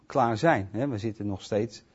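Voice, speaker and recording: A man giving an informal bible teaching in a conversational way, often checking in with his listeners and swinging between soft asides and loud, emphatic stresses. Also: on the low side, moderate pace, husky. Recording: dull lo-fi recording.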